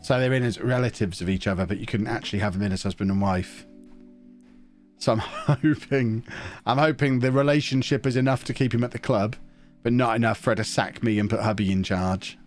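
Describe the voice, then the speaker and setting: A lowish-voiced man speaks briskly with soft background music behind him. Casually chatting on a live stream while playing a football management game, he jokes, hums and reads viewer messages out, his nose slightly blocked.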